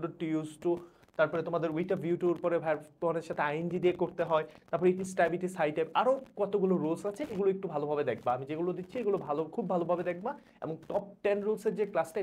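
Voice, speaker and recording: A young man from Bangladesh, an English teacher giving rapid exam advice to students, repeating instructions urgently. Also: high-pitched, darkish tone. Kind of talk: exam suggestion lesson.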